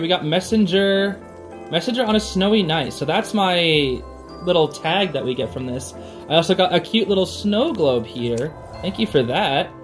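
A young adult who hosts a gaming reaction channel gives casual, excited gameplay commentary in a mid-pitched, very animated voice. Gushing and slangy, he exclaims and gasps with music playing underneath, recorded at home on a makeshift travel setup.

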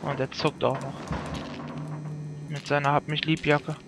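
A man narrates his own gameplay with a slightly raised pitch, poking fun at himself as he goes. He yelps and shouts when something startles him. Clear game noise runs under his voice. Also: level tone, measured pace. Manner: jokey, self-mocking running commentary. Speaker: let's play gamer. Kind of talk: let's play commentary.

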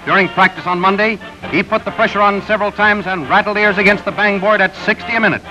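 A high-pitched male narrator reads sports results in a brisk announcer cadence, as on a 1930s newsreel. The sound is dull and lo-fi, with music running clearly underneath. It has the tone of a vintage cinema newsreel. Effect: old 1930s newsreel soundtrack. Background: music bed.

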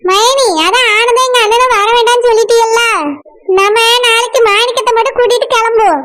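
A performer voicing a sly, flattering village sister-in-law with a Tirunelveli Tamil accent in a cartoon. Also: very high voice, brisk. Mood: conspiring. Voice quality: conspiratorial, flattering. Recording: loud background noise.

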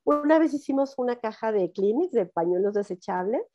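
Animated Mexican woman psychologist. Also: fairly high pitch, fairly quick, dull audio. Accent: Mexican Spanish. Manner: animated storytelling, acting out children's lines. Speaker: child psychologist. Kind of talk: conversational talk.

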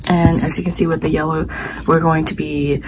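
A young woman, slightly hoarse, teaching a step-by-step crochet tutorial and counting her stitches aloud as she works. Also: low voice, fairly quick, noisy background. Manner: calm, talks while working, counts stitches aloud. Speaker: crochet instructor.

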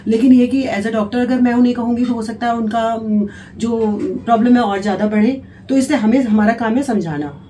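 Mellow woman doctor, explaining patiently. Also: on the high side, a little fast, few pauses. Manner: explanatory, patient, with many hesitations. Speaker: doctor and health officer. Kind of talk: interview answers. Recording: distant mic with faint noise.

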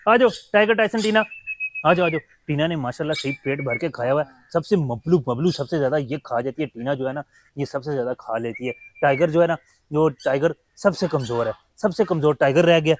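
Guy rambling fondly to his birds and pets, voice a bit high, light noise and birds behind. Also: a little fast, darkish tone. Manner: chatty, fond, talks to his animals. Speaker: vlogger showing his mini zoo. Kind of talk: casual vlog chat.

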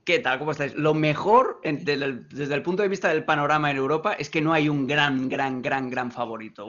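Spanish-accent man in his thirties, fairly high voice, hesitant, wry pundit, dull call audio. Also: a bit bright. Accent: Spanish (Spain). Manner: loose, hesitant, ironic. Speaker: football analyst. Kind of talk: casual sports debate. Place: home room. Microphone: desk mic on video call.

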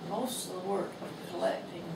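A Canadian author in her nineties reads her own humorous essay aloud in a bookstore, slow, gentle, and amused. Her thin, not-strong voice is on the low side, steady, and gravelly. A lapel mic captures her while she's filmed from across the room, giving distant, echoey shop sound with background noise.

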